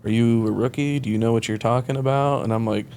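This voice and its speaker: A steady, somewhat mellow mid-range voice moves at a quick pace as this thirty-something loan officer tells his career story in a casual interview. He's a rambling storyteller who acts out quoted dialogue and laughs often, with a little hiss or hum in the recording.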